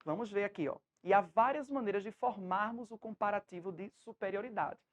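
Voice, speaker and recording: A woman's voice: medium pitch, a little fast, muffled recording. Patient Brazilian woman teaching English. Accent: Brazilian Portuguese. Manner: patient, explains step by step with frequent checks. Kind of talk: remote classroom lesson.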